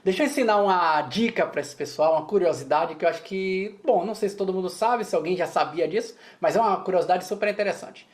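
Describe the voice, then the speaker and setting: A woman's voice: fairly low pitch, fast talker, hardly any pauses, darkish tone. A woman with a Brazilian Portuguese accent teaching Mandarin in a lesson, explaining in a chatty way and often checking in with her students. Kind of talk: co-taught language lesson.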